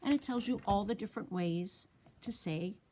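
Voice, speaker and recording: A woman's voice: mid-range voice, normal speed, a little hiss or hum. A woman librarian reading a picture book aloud to young children, asking them questions as she goes. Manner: animated, asks children questions. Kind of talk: storytime read-aloud.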